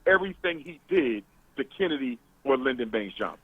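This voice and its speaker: Animated man on a dull call-in line. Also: medium pitch, a little fast, breathy edge, no room sound. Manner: animated, lecturing, emphatic. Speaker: guest on a talk radio show.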